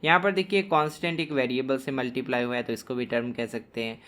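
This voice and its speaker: Man teaching maths, slow and deliberate. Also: mid-range voice, fairly even intonation, fairly bright tone. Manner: slow, deliberate, dictating terms as he writes. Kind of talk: classroom lesson explaining at a board.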